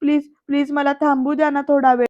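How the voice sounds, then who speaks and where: Woman doing a begging young woman, high pleading voice, dry muffled sound. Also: little pitch movement, fast talker, darkish tone, lightly acted.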